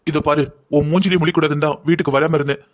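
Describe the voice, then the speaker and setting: A stern, disappointed middle-aged cartoon father who lectures his daughter at length, as a man voices him. He talks fast in a slightly high voice. His tone is bitter and reproachful. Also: steady tone, natural voice. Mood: scolding. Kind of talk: Tamil cartoon voice acting.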